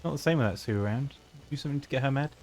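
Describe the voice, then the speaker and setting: Guy reading as a homely mom, gentle but scolding a bit, game lines out loud. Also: mid-range voice, rapid-fire, natural voice. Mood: motherly. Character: kind middle-aged mother, gently scolding.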